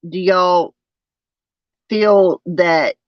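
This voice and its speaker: Slow, twangy Southern US livestreamer, unclear recording. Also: mid-range voice, steady tone, no echo. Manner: halting, repeats phrases. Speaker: livestream host. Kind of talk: casual livestream chat. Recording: dull lo-fi sound.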